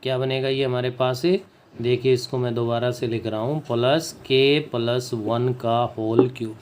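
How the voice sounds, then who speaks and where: A man's voice: medium pitch, little pitch movement, darkish tone, a little hiss or hum. A man teaching a maths lesson, working through a proof step by step and often checking in with his students. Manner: slow and deliberate, dictates English phrases word by word, checks in with students. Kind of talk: board-work maths lesson.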